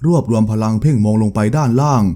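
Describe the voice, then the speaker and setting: A man narrates a serialized novel in a steady, measured way. His voice is very dark and mellow. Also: mid-range voice. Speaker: storyteller.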